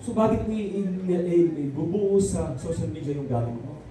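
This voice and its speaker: A man's voice: sits high, moderate pace, far from the mic, background noise. A man preaching a sermon to a congregation, rousing and calling out for amens and applause. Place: church hall. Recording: very echoey hall, heard from afar.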